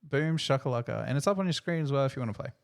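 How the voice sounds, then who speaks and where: A man's voice: medium pitch, lively intonation, rapid-fire, gravelly, clear, resonant tone. A man co-hosting a podcast, running a word game in casual chat with teasing and frequent laughs. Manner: upbeat, teasing, laughs often.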